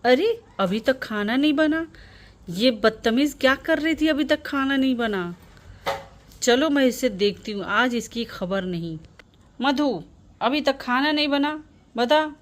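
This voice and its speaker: A woman's voice: high-pitched, expressive, a little slow. A woman doing a harsh scolding village mother. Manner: shouting, insulting, nagging.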